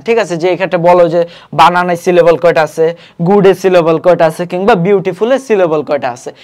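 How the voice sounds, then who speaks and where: বাংলাদেশি উচ্চারণের একজন পুরুষ টিউটর, যিনি ভর্তি পরীক্ষার জন্য ব্যাকরণ পড়ান, বারবার "ঠিক আছে?" জিজ্ঞেস করেন এবং শব্দ ভেঙে ধীরে উচ্চারণ করেন।. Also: male voice, high-pitched. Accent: Bangladeshi Bengali. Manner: explanatory, repeats checking phrases, spells out syllables slowly. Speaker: admission coaching tutor. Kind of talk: online grammar lesson.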